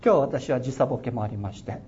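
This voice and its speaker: A male pastor delivers an earnest, exhorting sermon, pressing his points with sudden rises in emphasis. His mid-range voice comes through a dull, lo-fi recording with a faint low rumble behind it. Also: quick pace, mellow.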